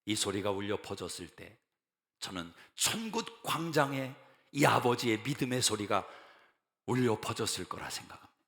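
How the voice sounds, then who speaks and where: Male pastor, emphatic sermon delivery with punchy repeated lines, bright and forceful, in a reverberant sanctuary. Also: on the low side, very animated, moderate pace, creaky. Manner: emphatic preaching that builds to loud declarations; repeats key phrases for emphasis. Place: church sanctuary.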